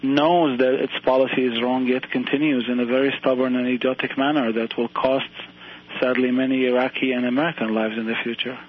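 A professor from Iraq speaking as a radio interview guest, earnest and measured, often restarting his phrases. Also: medium pitch, little pitch movement, husky, dull audio.

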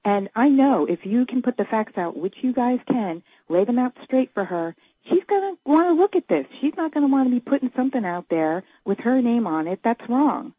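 A woman's voice: a little high, lively intonation, breathy edge, no echo. Radio call-in caller, woman, heard over a tinny dry phone line, earnest and pushing, casual with restarts. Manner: earnest and urging, with quick restarts. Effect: heard over a phone line on a radio show.

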